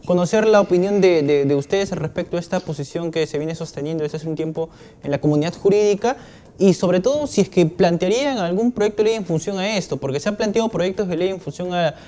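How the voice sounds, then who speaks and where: A man's voice: high-pitched, fast talker, dark tone, a little hiss or hum. A man hosting a panel, asking formal, long and winding questions. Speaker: host. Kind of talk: interview questions.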